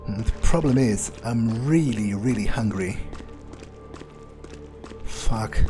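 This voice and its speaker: With his voice fairly low and his pace unhurried, a gamer plays in character and narrates the playthrough. He muses to himself in a dry, casual manner while faint game music runs underneath.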